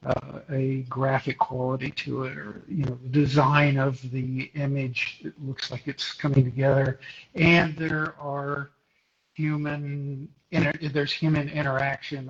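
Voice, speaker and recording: A middle-aged guest photographer from Houston, Texas, speaks hesitantly in a live video-call interview, with many pauses and restarts. His mid-range voice has a fairly bright tone, and the sound is lo-fi.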